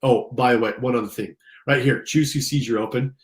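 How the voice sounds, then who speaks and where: An American career coach and instructor, slightly congested from allergies, gives an informal, enthusiastic screen-share tutorial, addressing his listeners directly. His mid-range voice is steady and fairly quick, and the recording sounds roomy and echoing.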